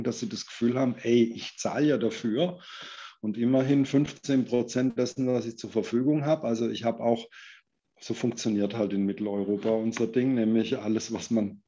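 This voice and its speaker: A man's voice: medium pitch, warm tone, husky. Thoughtful man on a muffled video call. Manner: thoughtful, restarts phrases, hedges with "wenn man so will". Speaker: architect answering questions in an online lecture. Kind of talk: conversational explanation. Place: indoors by a large window.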